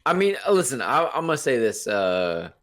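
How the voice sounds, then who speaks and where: A man in his twenties co-hosting a gaming podcast, teasing and deadpan in a laid-back way. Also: mid-range voice, normal speed. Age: 20s. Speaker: podcast co-host. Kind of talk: casual chat.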